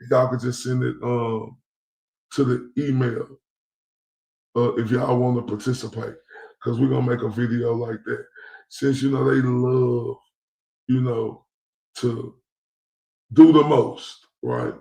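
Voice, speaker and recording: A YouTube commentator from Dallas, Texas hosts a livestream rant, speaking bluntly and profanely. His mid-range voice is warm with vocal fry, and he takes it slowly with long pauses. The recording sounds roomy and echoey.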